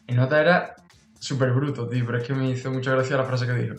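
A man's voice: medium pitch, steady tone, fast, roomy sound, faint music behind. A man, co-hosting a casual comedy chat and telling anecdotes in rambling slang. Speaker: podcast co-host.

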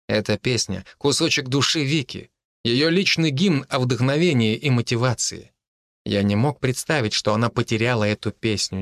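A man narrating a first-person audiobook in a steady, earnest storytelling manner. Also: mid-range voice, no echo.

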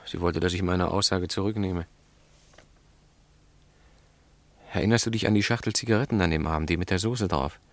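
A man with a low-pitched voice voices a stubborn, upright snack-bar owner in a German radio drama. He talks quickly, sounding troubled, firm, curt and defensive.

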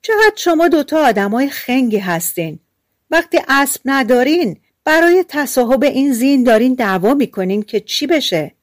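A woman voicing a clever young male drummer in a fairy tale, talking in a brisk, lively way. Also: medium pitch, no room sound, studio quality, close to an everyday voice. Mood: scolding.

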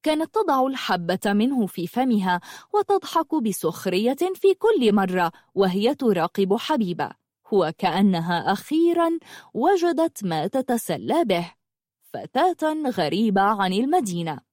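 A woman narrating a fantasy story in an expressive reading style. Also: medium pitch, normal speed, no echo, clean studio sound.

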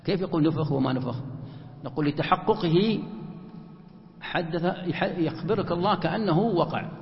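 Gravelly man teaching in an echoey hall. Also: fairly high pitch, moderate pace. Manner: asks rhetorical questions then answers them. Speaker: Quran commentary teacher. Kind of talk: explanatory religious lesson. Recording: echoey hall, muffled lo-fi sound.

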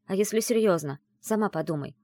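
A woman reading an audiobook and voicing a brash, teasing young woman who is the heroine's best friend, talking in a loud, mocking, bossy way. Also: mid-range voice, fairly quick, dry recording, clean studio sound, voice pushed up, natural voice.

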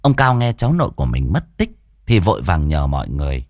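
A man's voice: rumbling low, huge pitch swings, quick pace, dry recording, clean studio sound. A man narrating a ghost story in a dramatic, suspenseful way.

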